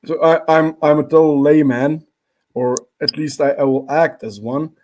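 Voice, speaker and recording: A man with a Slovenian accent, a native Slovene speaker, hosting a live-streamed interview over a video call. He speaks haltingly, with frequent pauses and fillers. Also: fairly high pitch, steady tone, a little mellow, slight background noise. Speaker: podcast host.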